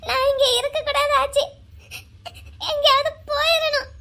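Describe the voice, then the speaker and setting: A woman voicing a tearful young wife in a cartoon drama, speaking in a soft, pleading way. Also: very high voice, little pitch movement, measured pace, a little hiss or hum, exaggerated voice. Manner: pleading, pouring out her grievances. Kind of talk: cartoon voice acting.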